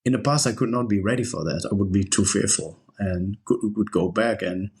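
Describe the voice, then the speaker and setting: A breathwork instructor whose first language is Dutch speaks earnestly during a casual podcast chat, often stopping and restarting. His voice is lowish and a little mellow.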